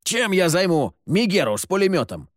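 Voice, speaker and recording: A man's voice: fairly high pitch, very animated, normal speed, no room sound, clean studio sound. A man voicing a brash, wisecracking gunslinging man who swears and argues, in an audiobook. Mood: indignant. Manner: cocky, swears, quarrelsome.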